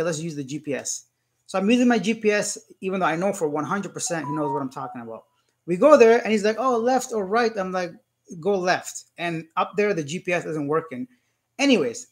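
A man with a slightly higher-than-usual voice hosts a loose live Q&A, retelling his experiences with plenty of "I'm like" quotes. He works his way through viewer comments and greets people as they come in, sounding worked up as he retells a dispute. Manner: animated storytelling with frequent "I'm like" quotes. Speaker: livestream host answering viewer comments. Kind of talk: casual live Q&A chat.

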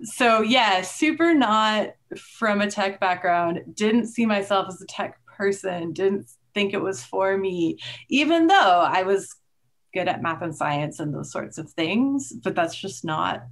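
A middle-aged woman, a guest on a video-call interview, telling her story in a thoughtful, animated way with frequent "like"s. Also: mid-range voice, a little slow. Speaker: interview guest, engineering manager. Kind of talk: casual interview chat. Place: small room at home. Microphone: headset on a video call.

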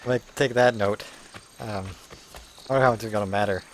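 A man's voice: lowish voice, fairly even intonation, brisk, a little hiss or hum, low-quality recording. A man giving casual video game playthrough commentary, with wry, grumbling, rambling asides. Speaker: gameplay commentator. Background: game ambience.

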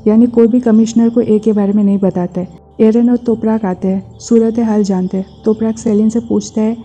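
Husky dark-voiced woman recapping a drama. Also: on the high side, fairly even intonation, faint music behind. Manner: brisk plot summary, quotes lines in a plain voice. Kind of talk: episode recap narration. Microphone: voice-over. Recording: dull lo-fi voice-over.

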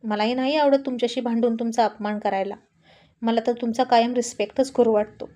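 A playful young wife who teases and coaxes her husband with cheeky replies. A woman reads her in her own voice, fairly high in pitch, with only light acting. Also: steady tone, fairly quick, dark tone, lightly acted. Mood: pleading. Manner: cheeky, coaxing.

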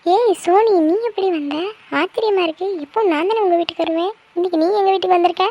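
A woman's voice: sits high, fairly even intonation, fast talker, dull audio, slight background noise. A woman voicing a cheeky college girl in a cartoon, who teases and fires off brash questions. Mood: bubbly. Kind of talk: cartoon voice acting.

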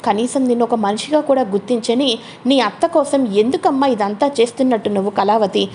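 A woman's voice: on the high side, fairly quick, a little mellow, slight background noise, natural voice. A woman voicing a stern, angry father of the family, pressing indignant questions in a spoken soap-opera retelling.

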